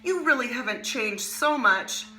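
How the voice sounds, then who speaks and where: A woman voicing a polite young boy in a picture book, speaking softly and sorrowfully. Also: a little high, lively intonation, unhurried, reverberant, pitched above the performer's own voice. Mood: sad. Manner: soft and sorrowful.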